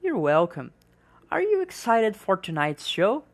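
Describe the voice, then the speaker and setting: Modest rock singer guy read by a woman, slow, lively pitch. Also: full character voice. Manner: slow, carefully pronounced English dialogue reading.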